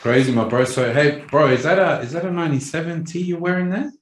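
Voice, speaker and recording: A man's voice: fairly high pitch, steady tone, quick pace, slight background noise. A man hosting a podcast in casual, effusive, slang-heavy interview chat, peppering his speech with bro and man. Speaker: podcast host. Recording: roomy echo with faint music.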